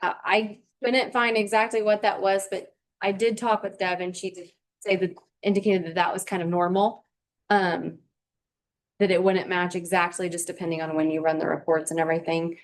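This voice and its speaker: A woman's voice: lowish voice, flat delivery, moderate pace. A woman serving as town clerk-treasurer, calling roll and reporting finances in a careful, hesitant way with many ums. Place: town council meeting room.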